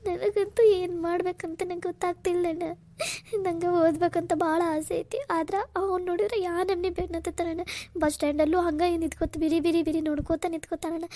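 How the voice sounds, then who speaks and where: A woman voicing a frightened young college student in a cartoon, who talks in a soft, tearful, pleading way to her older brother. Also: extremely high pitch, level tone, quick pace. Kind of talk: cartoon voice acting.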